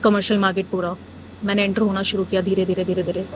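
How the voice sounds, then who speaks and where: A woman's voice: medium pitch, flat delivery, fast talker, slight background noise. A young woman from northern India, a muralist, telling her story frankly in a casual interview, mixing Hindi with English. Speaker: muralist guest.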